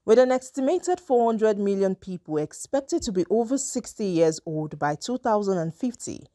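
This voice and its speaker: A woman's voice: medium pitch, lively intonation, normal speed, warm tone, no echo, clean studio sound. A woman with a Nigerian accent reading a scripted news report as a reporter.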